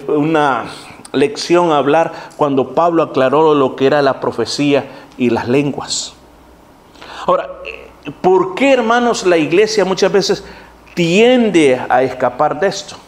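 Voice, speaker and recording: A man who is a pastor, giving a sermon-style Bible study to his congregation, addressing them as brethren and acting out scenes as he speaks. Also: fairly high pitch. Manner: animated preaching, acts out scenes.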